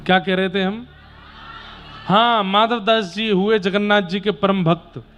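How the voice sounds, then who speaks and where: A man's voice: sits high, steady tone, a bit bright, lo-fi sound. A man telling devotional stories as a preacher in a sermon, addressing a gathering. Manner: unhurried, preaching to a gathering, breaking into devotional song. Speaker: katha preacher.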